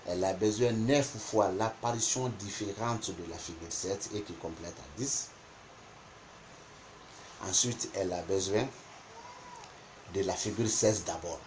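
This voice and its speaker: A geomancy teacher, a man whose first language is not French, gives a spoken lesson on interpretation. He speaks deliberately and repeats points for emphasis, and his voice sits low against a noisy background.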